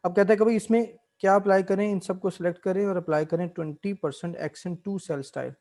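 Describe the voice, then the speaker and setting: This screen-recorded software lesson features a man with a high voice who talks quickly. As an Excel instructor he breaks spreadsheet tasks into steps, keeping a steady teaching rhythm and blending in English terminology.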